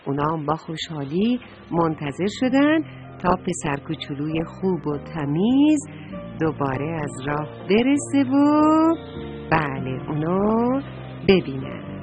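A woman narrating a children's story, speaking directly to the young listeners with occasional halting fillers. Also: low voice, very animated, highs cut off, over music.

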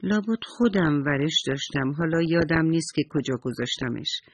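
Calm puzzled mother, gentle questioning tone, husky, dry close sound, a man voicing her. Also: on the high side, no room sound. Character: mild, forgetful mother.

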